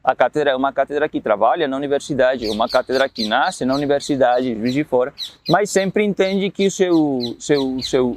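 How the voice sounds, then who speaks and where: A man working in a university refugee program, speaking in a documentary interview. He explains his ideas in a reflective, measured way. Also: a little high, a little mellow.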